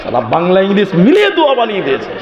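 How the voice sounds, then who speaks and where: High-voiced preacher from Assam, echoey. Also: male voice, rapid-fire, crowd noise. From Assam, India. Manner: lively storytelling, acting out dialogue, chuckling asides. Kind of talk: Islamic sermon with comic storytelling. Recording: echoey dull PA sound.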